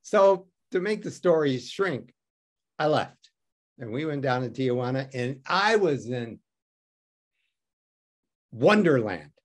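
A man's voice: medium pitch, takes it slowly, long pauses. A man from Detroit telling a personal story as an interview guest, wry and self-mocking, acting out the other people in it. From Detroit, United States. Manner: animated, wry and self-mocking, acts out voices in his story.

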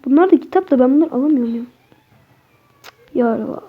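A young woman, a native Turkish speaker, gives excitable, chatty horror game commentary to her viewers, cursing at the game as she plays. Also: high voice, fast talker, slightly rough, narrow, tinny audio. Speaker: gaming streamer.

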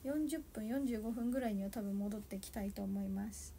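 A woman in her twenties chatting casually on a solo livestream, soft and a little sleepy, sometimes dropping to a murmur. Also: mid-range voice, fairly quick, creaky, slight background noise. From Japan. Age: 20s. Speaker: idol livestreamer.

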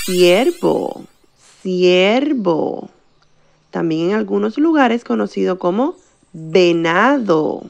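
In a creaky mid-range voice, a female teacher runs a bilingual vocabulary lesson for kids. Each word is spoken slowly and drawn out so the class can repeat after her.

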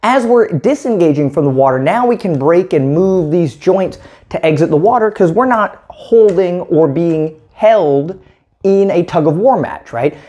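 Paddling coach, man in his 30s, mellow tone, methodical demo, small room. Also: high-pitched, expressive, unhurried. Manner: clear, methodical explaining while demonstrating strokes. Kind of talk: instructional demonstration.

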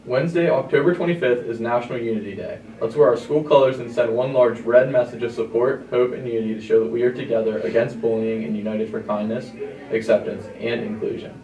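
A man reading morning school announcements as a student announcer in a brisk, matter-of-fact way, heard through a loudspeaker. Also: mid-range voice, steady tone, roomy sound, distant mic, low-quality recording.

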